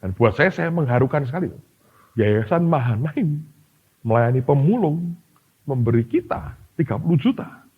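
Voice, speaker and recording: A man's voice: fairly high pitch, normal speed, breathy edge. A man, preaching a sermon as a pastor and telling stories with acted-out voices. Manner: animated storytelling, acting out voices in quotes. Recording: dull lo-fi sermon recording.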